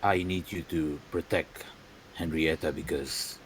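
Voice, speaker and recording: A man voicing a grave, aging noble who heads a house, speaking slowly and in a measured way. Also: a bass voice, fairly even intonation, slight background noise, poor audio.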